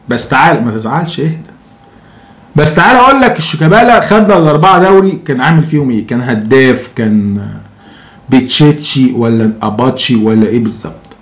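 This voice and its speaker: A man in his thirties with an Egyptian accent, giving opinionated football commentary to camera in a sarcastic, mocking way with rhetorical questions. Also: medium pitch. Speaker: football fan commentator and host.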